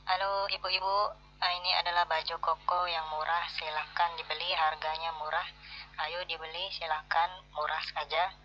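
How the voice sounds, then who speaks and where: A man's recorded sales pitch played back through a chipmunk voice filter in a phone app. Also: flat delivery, normal speed, sharp tone, soft background music. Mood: hawking. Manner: repetitive sales pitch, sped-up squeak. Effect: chipmunk pitch-shift voice filter. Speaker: tutorial host. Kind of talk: hawking clothes as a recorded demo. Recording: dull lo-fi phone-app playback.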